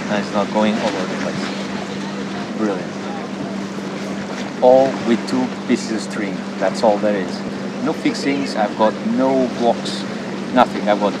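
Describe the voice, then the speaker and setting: A man in his thirties talking casually to the camera beside his small sailboat on a sandy beach, chatty and relaxed, with pauses and fillers. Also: on the low side. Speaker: sailing vlogger. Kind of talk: casual vlog talk to camera. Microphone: action camera close by. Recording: wind-battered outdoor camera audio. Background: loud wind and open-air beach noise.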